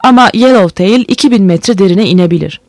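Reader doing a cool sardonic boat owner, even tone, dry close sound. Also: mid-range voice, fairly quick, dry recording, close to an everyday voice.

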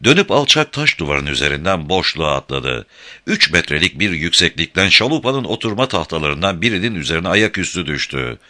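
Male audiobook narrator: low voice, crisp bright tone, dramatic telling. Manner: dramatic, expressive storytelling.

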